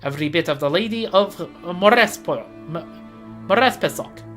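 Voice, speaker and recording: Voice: medium pitch, lively intonation, normal speed, a bit bright, natural voice. Gamer doing weary grumbly russian accent soldier reading his diary, rolled r's, game music behind. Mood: weary grumbling. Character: weary, grumbling military camp diarist reading aloud. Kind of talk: theatrical diary read-aloud.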